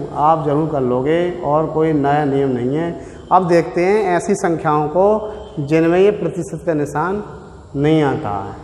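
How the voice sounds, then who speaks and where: A man's voice: a little high, darkish tone, slight background noise. Male physics teacher in an echoey classroom. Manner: patient, explains step by step, addresses students directly. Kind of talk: classroom lecture solving numericals. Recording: echoey classroom with long reverb.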